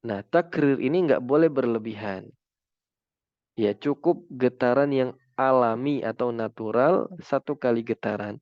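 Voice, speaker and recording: Male religious teacher, unhurried and clear, demonstrates each recitation before explaining it; dry, slightly dull recording. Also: mid-range voice, no room sound. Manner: slow, demonstrates words by chanting them, then explains.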